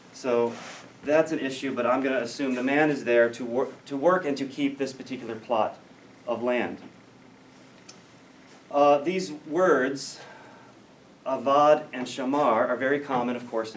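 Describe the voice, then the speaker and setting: In a lecture room, an American biblical studies scholar explains material in a dry lecturing style, his voice medium in pitch. He's far from the microphone, so the sound is roomy with a bit of faint noise.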